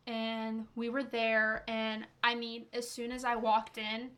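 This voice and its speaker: A woman's voice: a little high, monotone, slow pace, a bit bright. A young woman guest telling a personal story casually, in colloquial, emphatic phrasing. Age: young adult. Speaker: podcast guest.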